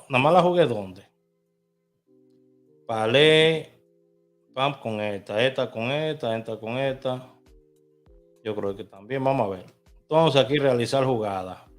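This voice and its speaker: A man's voice: mid-range voice, measured pace, pauses often, faint music behind. A man in a casual vlog, chatting to viewers as he walks through placing lottery bets on his phone, from inside a car. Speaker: vlogger. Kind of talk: casual screen walkthrough.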